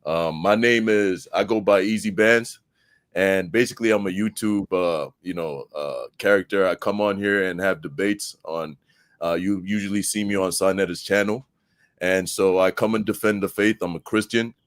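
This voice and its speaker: Zambian guy, real low voice, laid back chat with lots of uh and um. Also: normal speed, no room sound. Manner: relaxed, many fillers and restarts. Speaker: guest debater. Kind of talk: casual live-stream chat.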